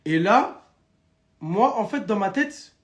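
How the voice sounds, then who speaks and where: A man's voice: high-pitched, animated, slow. A young man in casual live-stream chat, animatedly telling viewers his own story and addressing them directly.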